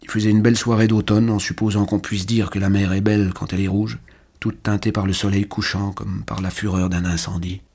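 A man reading a literary novel aloud as a first-person audiobook narrator, in a measured, quietly emotional manner. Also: lowish voice, flat delivery, gravelly, breathy edge.

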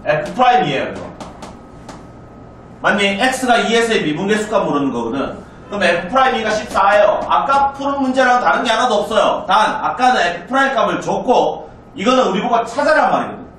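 His voice is high and a bit bright, swinging widely in pitch, with a little hiss or hum on the recording. The man is a South Korean math teacher lecturing a class, brisk and conversational, repeatedly checking that students follow, captured by a far-off mic in a roomy room.

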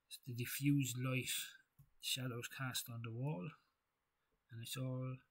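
A video creator with a husky, medium-pitched voice gives a rambling philosophical monologue, halting and repeating himself while thinking aloud. The recording is rough.

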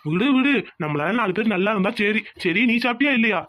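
Cartoon village farmhand husband, easygoing, quick talker, played by a man. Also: high-pitched, animated, a bit bright. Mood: calm, consoling. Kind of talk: cartoon voice acting.

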